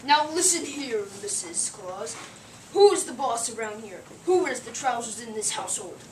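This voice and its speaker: A cranky old Santa Claus with a cold, read by a woman, blustering and indignant. The high voice sits far from the mic in an echoey room, with noise behind it. It is an amateur play reading. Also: animated, normal speed, darkish tone, natural voice. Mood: grumpy.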